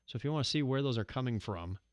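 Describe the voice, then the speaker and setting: A man's voice: medium pitch, lively intonation, rapid-fire, no room sound. A man co-hosting a live coding show, casually thinking aloud as he types and walks through his code. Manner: thinks aloud while typing code, easygoing.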